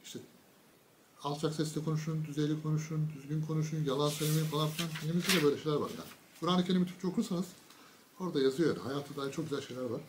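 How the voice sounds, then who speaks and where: A man's voice: on the high side, racing, slight background noise. A man giving a casual political commentary monologue, mocking and sarcastic, talking straight to his viewers with emphatic lists.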